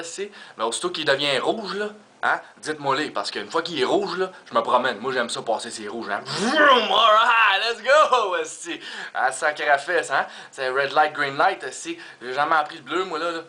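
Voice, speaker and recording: A man's voice: mid-range voice, bright, forceful tone. A man with a Québécois French accent doing a rambling comic monologue, peppered with Quebec swear fillers and English words. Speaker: stand-up comedian.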